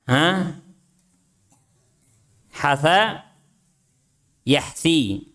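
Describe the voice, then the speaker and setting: A man's voice: on the high side, expressive, drawn-out words, fairly bright tone. A man teaching an Islamic study class. He reads Arabic text aloud, translates and explains it, and drills his students with short questions. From Indonesia. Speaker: religious teacher.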